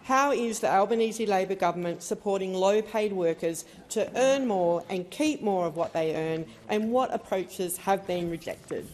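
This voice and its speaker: A woman's voice: medium pitch, normal speed, few pauses, darkish tone. An Australian woman, a member of parliament, putting a formal prepared question to a minister. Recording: faint chamber background noise.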